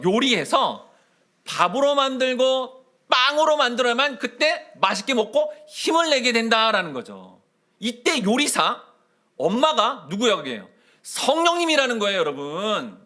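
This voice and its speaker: A man preaching a sermon as pastor, animated and full of questions to the congregation, acting out prayers and replies. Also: high-pitched.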